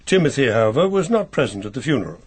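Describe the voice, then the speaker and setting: In a radio drama, a male actor plays an earnest, proper family solicitor whose lawyerly manner is formal, precise and slightly hesitant. His mid-range voice is sing-song and breathy-edged, delivered in rapid-fire bursts, and the mood is grave and explanatory.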